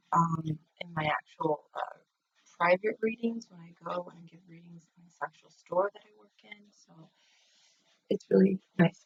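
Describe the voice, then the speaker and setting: A soft-spoken woman with a husky voice gives a casual, unhurried spiritual tarot reading in an echoing bathroom. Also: fairly low pitch. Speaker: tarot card reader. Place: indoors, in an echoing home bathroom. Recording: dull, echoing bathroom sound.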